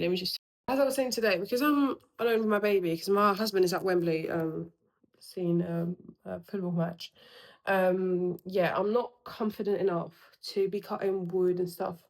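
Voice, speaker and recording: Speaking at normal speed in a voice on the low side, a young woman chats through her home renovation for a casual DIY vlog. Standing indoors in a room being renovated, she walks through every step with lots of ums, captured on a rough recording.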